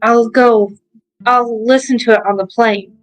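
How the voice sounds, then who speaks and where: A woman's voice: fairly high pitch, steady tone, unhurried, soft background music, poor audio. A young woman co-hosting a podcast, chatting in an easygoing, laughing way. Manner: easygoing, laughing, short replies. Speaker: podcast co-host. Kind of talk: casual chat.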